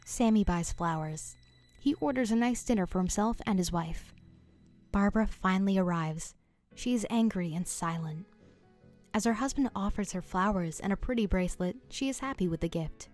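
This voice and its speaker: Woman narrator, dramatic scripted storytelling, middle pitch, faint music behind. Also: normal speed, a little mellow.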